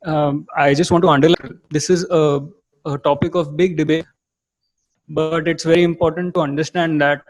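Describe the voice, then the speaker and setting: A man speaking as a guest on a remote call whose audio keeps breaking up, talking haltingly with many fillers and restarts. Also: on the high side, flat delivery, no room sound, rough recording. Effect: breaking, glitchy online call audio. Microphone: remote video call with weak reception.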